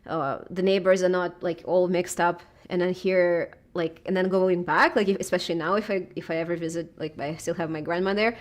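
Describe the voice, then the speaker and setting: A woman's voice: on the low side, fairly even intonation, brisk, few pauses. A woman in her thirties from southern Russia, with a Russian accent, who chats casually and hesitantly in an interview and fills her talk with many filler words. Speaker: YouTuber being interviewed.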